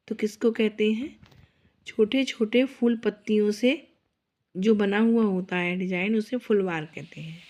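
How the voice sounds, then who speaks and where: A woman teacher giving an exam prep lesson, reading out each question and then answering it herself, after a chatty greeting to her viewers. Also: mid-range voice.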